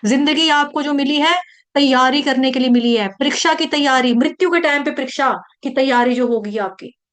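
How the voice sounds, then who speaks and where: A woman teaching a devotional scripture class, telling stories in a lively way and acting out the people in them. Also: high-pitched, moderate pace. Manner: animated storytelling, acting out quoted voices; mixes in English sayings. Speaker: Bhagavad Gita teacher.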